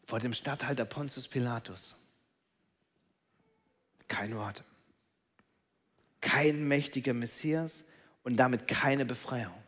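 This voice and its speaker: Dramatic male preacher in a reverberant hall. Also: mid-range voice. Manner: dramatic, swings from loud calls to hushed whispers. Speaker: pastor. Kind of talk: sermon. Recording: long reverb of a large hall.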